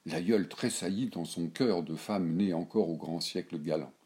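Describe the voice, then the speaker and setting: A man narrating a literary story in a measured, quiet way. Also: deep voice.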